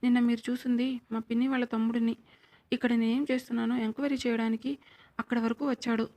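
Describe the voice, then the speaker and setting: A timid young woman, frightened and pleading, as a narrator reads her, soft and anxious. The voice sits slightly high and moves little in pitch. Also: level tone, quick pace, lightly acted. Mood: fearful. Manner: soft, fearful.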